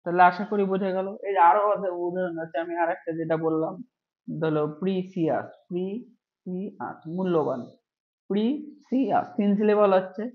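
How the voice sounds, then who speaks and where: In an echoey, muffled recording that feels like a lo-fi room, a man with a high-pitched voice explains grammar rules step by step. He stretches the example words out slowly to make them easy to hear.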